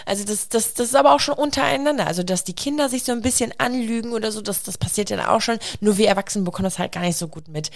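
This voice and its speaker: A woman in her thirties chats about raising her young children. Her mid-range voice has a gravelly, creaky texture. She tells stories in a loose, animated way. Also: medium pitch, very fast, few pauses. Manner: chatty, animated when quoting her son. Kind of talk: casual podcast conversation.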